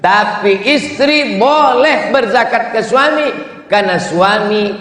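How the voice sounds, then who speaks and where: A man's voice: sits high, expressive, slow pace, fairly bright tone. A man preaching a humorous sermon to a live audience, telling jokes and acting out little dialogues. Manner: joking storytelling, acts out dialogues. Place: large hall. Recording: echoey hall with background noise.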